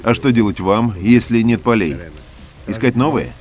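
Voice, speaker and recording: A man's voice: mid-range voice, normal speed, a little mellow. A man voicing a documentary interview, asking and answering in a plain conversational way. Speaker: interviewer and voice-over narrator.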